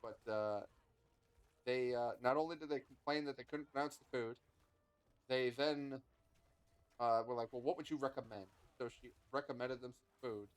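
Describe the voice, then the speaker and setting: A man's voice: medium pitch, moderate pace, no room sound, poor audio. A man streaming a game, chatting casually and rambling between moves, swearing now and then. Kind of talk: casual gameplay chat.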